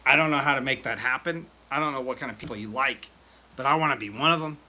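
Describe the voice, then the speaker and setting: A man hosting a casual live stream about brewing mead, excitable and rambling as he chats with viewers. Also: mid-range voice, fast. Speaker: livestream host.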